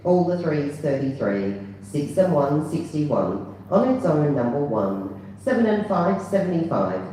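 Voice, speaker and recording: A woman working as a bingo caller, announcing numbers digit by digit in a measured, formulaic rhythm with falling endings. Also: low-pitched, big pitch swings, dark tone. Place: large echoing bingo hall. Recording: echoey hall, distant PA sound, faint noise.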